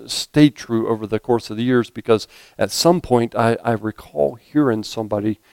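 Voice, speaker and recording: A man's voice: mid-range voice, normal speed, creaky, darkish tone, clear, resonant tone, dry recording. A man preaching a sermon as a pastor, talking conversationally with frequent fillers and self-corrections.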